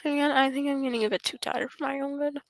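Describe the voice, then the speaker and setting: A woman streamer with a high-pitched, steady voice talks fast to herself while gaming, recorded dry. Her casual commentary is jokey and self-interrupting, and she often drops into whispers.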